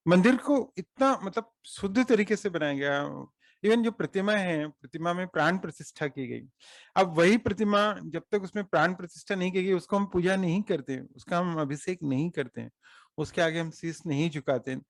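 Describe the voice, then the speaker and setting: Earnest Indian man with a gravelly voice. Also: sits high, normal speed, no room sound. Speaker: speaker at a study circle meeting. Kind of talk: explanatory talk on Indian customs.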